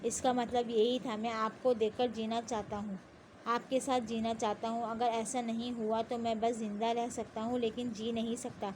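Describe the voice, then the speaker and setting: A woman reading the part of a gentle, confident young male police officer in an audio novel, speaking softly and persuasively. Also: very high-pitched, slight background noise. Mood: calm persuasive. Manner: soft-spoken, calm and persuasive.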